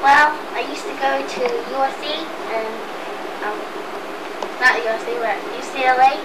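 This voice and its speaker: A woman with a high voice, rambling and goofing around as a make-believe talk show guest. She is recorded on an old VHS tape buried in loud hiss. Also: steady tone, normal speed, roomy sound, recorded from a distance. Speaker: pretend guest and ad announcer. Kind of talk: playful home video skit.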